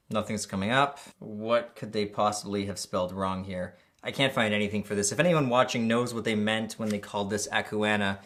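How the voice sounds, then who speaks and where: A man's voice: on the low side, fairly bright tone. A male vlogger talking through a casual unboxing in a sarcastic, joking mood, stumbling over hard plant names.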